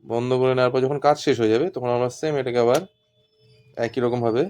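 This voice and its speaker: An instructor demonstrates walkie-talkies in an informal hands-on tutorial, explaining step by step and repeating himself. His medium-pitched voice is steady, smooth and darkish, delivered fast over soft background music.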